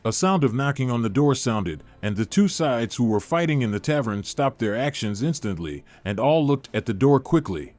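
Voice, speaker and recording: A man reading a story aloud in an even, steady narration, with dialogue read in much the same flat voice. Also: medium pitch, normal speed, few pauses. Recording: faint music behind.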